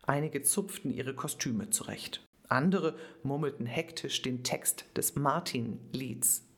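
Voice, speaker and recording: Reading a children's story in a scripted storytelling style, a woman with a notably low voice narrates at a slow pace. Her delivery is calm and expressive.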